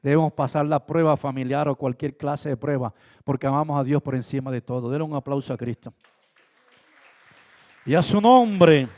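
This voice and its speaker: A man preaching a sermon as pastor, swinging between loud emphasis and quiet asides and acting out short dialogues. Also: mid-range voice, moderate pace. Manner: acts out short dialogues in different voices.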